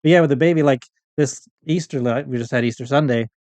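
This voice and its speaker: Talking fast in a mid-range, darkish voice, a middle-aged audio fiction writer rambles informally as a guest on a podcast. It's a casual conversational interview, recorded with no room sound.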